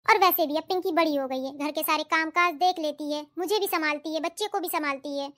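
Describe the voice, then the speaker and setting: A woman voicing a gentle, anxious young mother in a cartoon story. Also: high-pitched, brisk. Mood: earnest. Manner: soothing, affectionate. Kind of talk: cartoon voice acting.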